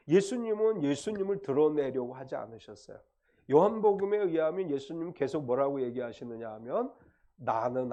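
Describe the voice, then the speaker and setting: Lively, mellow-voiced Korean pastor preaching. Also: male voice, a little high, lo-fi sound. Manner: explaining word meanings, rising and falling emphasis. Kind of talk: sermon. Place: church sanctuary.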